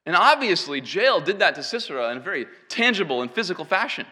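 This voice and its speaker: A man's voice: sits high, big pitch swings, quick pace, pushed and bright. A man preaching an expository sermon to a congregation, emphatic and given to self-deprecating asides. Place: church hall with an audience. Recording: long hall reverb.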